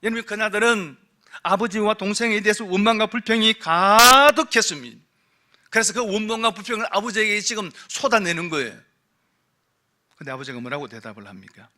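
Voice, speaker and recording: Korean pastor preaching in church, high bright ringing voice, lots of questions to the crowd, goes loud then drops real quiet. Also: male voice, a little fast. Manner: preaching with rhetorical questions, swinging from loud emphasis to hushed low tones. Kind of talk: sermon. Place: church sanctuary.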